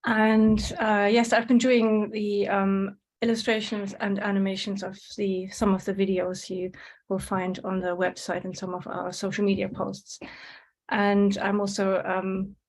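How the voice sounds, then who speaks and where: A woman's voice: mid-range voice, flat delivery, a little slow, a little mellow, low-quality recording. A woman who draws illustrations and animations introduces herself on a video call, hesitant and full of fillers.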